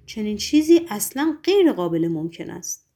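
A woman's voice: medium pitch, big pitch swings, mellow. A woman reading a composed, shrewd spy chief. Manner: deferential, reassuring, composed. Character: calm, shrewd secret-police chief, middle-aged man. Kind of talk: audiobook reading.

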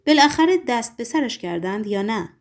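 A woman's voice: a little high, animated. A woman reading the lines of a brooding, commanding Roman governor in an audiobook, with a weary questioning tone. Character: stern Roman governor, middle-aged man, brooding.

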